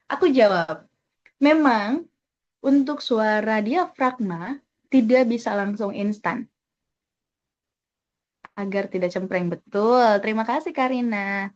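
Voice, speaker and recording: A woman trainer teaches over a video call, her voice sitting a little high. She chats easily and thanks participants by name as she goes. The call audio is somewhat dull and muffled. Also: darkish tone. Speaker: webinar trainer. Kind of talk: online webinar teaching.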